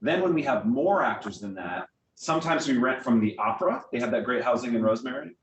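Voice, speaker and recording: A man with a mid-range, animated voice talks fast as a guest theater director, explaining things informally and taking audience questions in a conversational way dotted with fillers. He's in a meeting room with an audience, also on Zoom, and the echoey room is picked up by a distant microphone.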